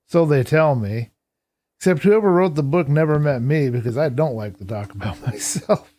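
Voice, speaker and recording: A hoarse man with a voice on the high side chats casually with his live-stream viewers at normal speed while playing a game. He reads and answers chat aloud in a relaxed, reflective way.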